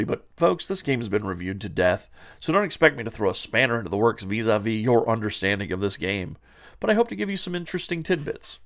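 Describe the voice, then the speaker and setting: A man's voice: medium pitch, gravelly, fairly bright tone. A man hosting a comedic video game review show, talking in a playful, hyped way with slangy asides.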